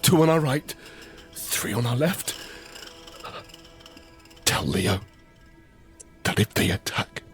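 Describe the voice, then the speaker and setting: A man with a medium-pitched voice plays a tense survivor in a zombie apocalypse audio drama, narrating in the first person with acted dialogue. He speaks slowly with lively intonation and long pauses, delivering short, suspenseful phrases in a tense, hushed mood over background music.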